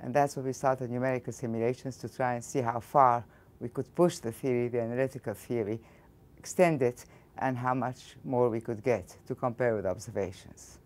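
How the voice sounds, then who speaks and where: An older Egyptian woman, speaking with an Egyptian accent, answers interview questions as a physics professor in a studio set against a backdrop. Her voice rumbles low and is a little mellow, moving at a fairly quick pace. She is thoughtful and often restarts her sentences.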